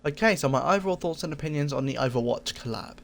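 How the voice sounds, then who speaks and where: A man's voice: on the high side, animated, fast, vocal fry. A man hosting a casual review of game cosmetics. He talks in an easygoing, repetitive way and often corrects his own slips. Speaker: gaming channel host.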